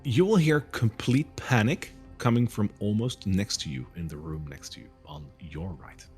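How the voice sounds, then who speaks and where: A man narrating a tabletop role-playing game as game master, telling the scene in an animated way. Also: on the low side, moderate pace, faint music behind.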